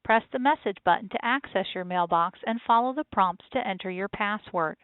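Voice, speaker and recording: A woman reading scripted step-by-step instructions in a measured manner, as the narrator of a tutorial. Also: medium pitch, no echo. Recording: tinny, phone-like narrow band.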